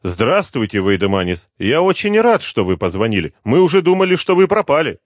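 A coldly polite gang boss with a sneer in every word, as a male narrator puts him on. He sits high and lifted above the reader's normal voice, taunting with false courtesy. Recorded dry and close. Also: very animated, a little fast, dry recording. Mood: mocking, menacing.

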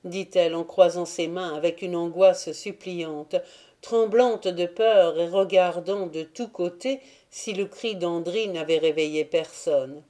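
A woman narrating a classic novel as an audiobook in slow, measured, deliberate phrases. Her voice is low and dark. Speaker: audiobook reader. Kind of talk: scripted narration.

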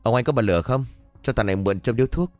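A man's voice: medium pitch, racing, no room sound, faint music behind, lightly acted. A man voicing a drunk, insolent young village thug with a slurred, rude drawl.

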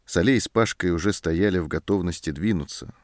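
A man reading a story aloud in calm, measured scripted narration. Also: sits low, no room sound, clean studio sound. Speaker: audiobook narrator. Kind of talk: scripted narration of a war novel.

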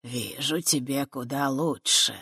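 Brief: reader voicing an elderly male mentor, low, slow, wry; dry read. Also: gravelly, bright, forceful tone, breathy edge, dry recording, exaggerated voice. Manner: slow, low, measured speech. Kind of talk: audiobook character voice.

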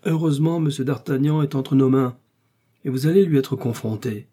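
A man's voice: mid-range voice, normal speed, warm tone, slightly rough, pitched above the performer's own voice, close to an everyday voice. A man voicing a stern, suspicious police commissioner who interrogates in a storybook reading.

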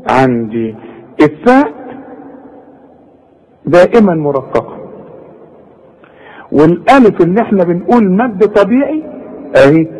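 A man's voice: high voice, mellow, muffled recording. A man with an Egyptian Arabic accent teaching tajweed. He talks straight to the student in a colloquial way and models the words syllable by syllable. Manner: models recitation slowly, syllable by syllable, in drawn-out demonstrations; direct, colloquial coaching aimed at the student. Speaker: Quran recitation teacher. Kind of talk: Quran tajweed lesson.

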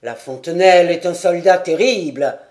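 A woman voicing a stern male lieutenant with a sonorous, forceful delivery, a little lower than her own voice. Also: animated, slow pace.

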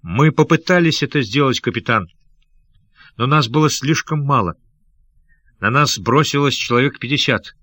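A man's voice: medium pitch, animated, normal speed, long pauses, fairly bright tone, dry recording, clean studio sound, pitched above the performer's own voice. A man reading an audiobook, voicing a wounded, loyal grown pirate who speaks with emotion. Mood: grim. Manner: emotional, broken-voiced.

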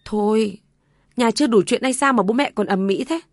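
A woman's voice: on the high side, moderate pace, dry recording. Woman doing a young husband, polite, firm, decided, dry read. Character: resolute young married son.

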